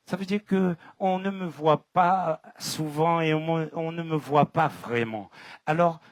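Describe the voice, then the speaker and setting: A man voicing a small, aggrieved male snake in a told folk tale, complaining loudly and indignantly with a French Caribbean accent. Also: on the high side, no echo, clean studio sound.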